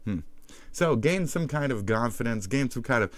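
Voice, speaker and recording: A man's voice: medium pitch, animated, normal speed. A man streaming live, giving heated, profane, sarcastic commentary.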